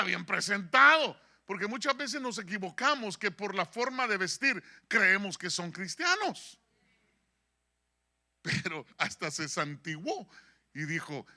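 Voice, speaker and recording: A man preaching in a church, telling a story. His voice sits high and sounds sharp and forceful. He acts out every quoted line of the dialogue. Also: creaky. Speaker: pastor. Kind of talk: sermon with storytelling. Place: church in San Diego.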